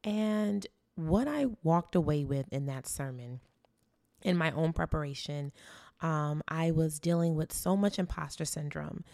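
A woman's voice: low-pitched, a little slow, vocal fry, darkish tone, dry recording, studio quality. An American woman hosting an inspirational podcast in a conversational, earnest and affirming way, with a preacher's emphasis and repetition.

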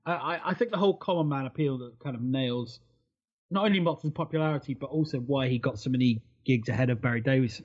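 A man chatting on a football podcast, relaxed and agreeable. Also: mid-range voice, fast talker, lo-fi sound. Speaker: podcast co-host. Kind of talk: casual chat.

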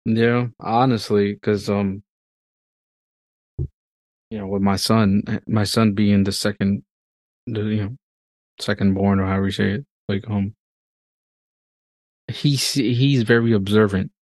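A man's voice: fairly low pitch, steady tone, a little slow, long pauses, a little mellow, no echo. A man in his thirties chatting casually and laughing often, swearing freely as he talks about his kids. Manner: laid-back, profane, laughs often. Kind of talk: casual chat.

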